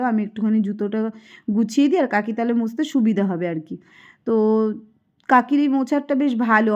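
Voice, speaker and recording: A woman's voice: on the high side, a little mellow, muffled recording. A woman in her thirties from Kolkata with a Kolkata Bengali accent, chatting casually to viewers as she does chores at home. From Kolkata, India. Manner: chatty, homely, running commentary on chores. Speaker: vlogger. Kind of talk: casual home vlog narration. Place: home, indoors.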